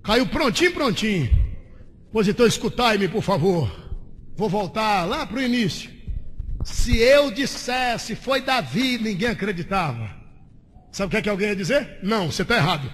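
A man preaching an evangelical sermon as pastor, swinging between fervent shouting and hushed storytelling. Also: sits high, expressive, measured pace, pauses often, a little hiss or hum. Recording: long reverb of a large church hall.

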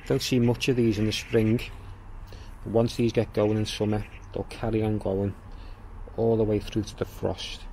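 A gardening vlogger with a fairly low, darkish voice strolls through his walled garden, casually chatting about what's growing. He's plain-spoken and unhurried with a flat delivery, pointing things out as he walks, while faint outdoor ambience and slight background noise sit behind him.

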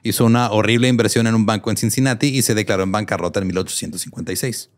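Mexican male podcast host, lower pitch, relaxed comic narration with frequent laughs. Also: very fast. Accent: Mexican Spanish. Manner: reads quotes aloud, laughs often, slangy asides. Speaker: podcast co-host telling a history story. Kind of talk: casual comedic history chat.

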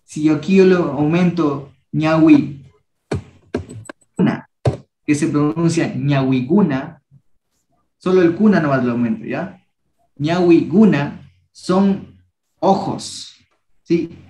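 A young man teaching a language workshop, patiently repeating each word slowly so students can copy its pronunciation. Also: a little high, warm tone, roomy sound. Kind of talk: teaching a class.

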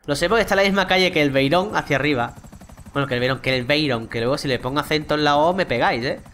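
A man's voice: a little high, fast, a little hiss or hum. Chatty Spanish-accented man playing a game. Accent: Spain Spanish. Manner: chatty, excitable, swears casually, talks to viewers. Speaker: gaming YouTuber. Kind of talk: let's play commentary.

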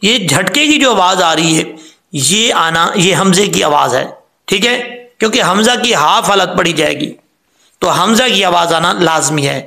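High-pitched bright man teaching recitation. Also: expressive, gravelly, echoey room. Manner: explains slowly, models recitation drawn out. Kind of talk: tajweed lesson.

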